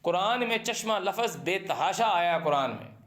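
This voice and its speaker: A man's voice: sits high, expressive, fairly bright tone. A man teaching a word-by-word Quran translation lesson, reciting each Arabic phrase and then explaining it in Urdu. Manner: questions and comments on printed translations.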